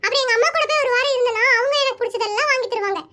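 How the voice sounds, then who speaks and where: In this animated comedy voicing, a performer plays a cheerful, talkative young schoolgirl. She babbles on with a giggly, chirpy delivery, her voice extremely high, bright, and fast.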